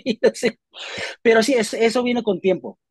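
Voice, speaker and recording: A young man, a guest in a casual interview, telling animated stories with frequent restarts. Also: very high-pitched, measured pace, breathy edge, dry recording. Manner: animated storytelling with many restarts.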